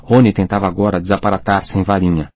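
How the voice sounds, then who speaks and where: A man reading a novel aloud as an audiobook narrator in steady, even storytelling. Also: sits low, fast, highs cut off, slight background noise. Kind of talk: scripted narration.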